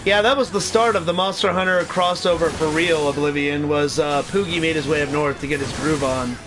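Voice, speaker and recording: Young man, casual gaming commentary, excitable, swears a lot, slightly high voice, soft music behind. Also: brisk. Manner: excitable, swears freely, talks to the game. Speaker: streamer.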